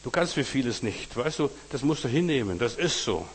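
A man's voice: mid-range voice, very animated, brisk, long reverb tail, a little hiss or hum, poor audio. A man preaching a sermon, speaking straight to his listeners with frequent asides and reading scripture aloud with rising drama. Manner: direct address with frequent 'weißt du', dramatic scripture readings.

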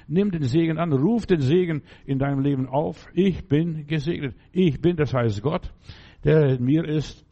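A man's voice: medium pitch, creaky, dark tone, husky. A male preacher giving a sermon, repeating affirmations and often checking whether the listener understands. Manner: repeats affirmations and keeps asking the listener "verstehst du". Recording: dull lo-fi recording.

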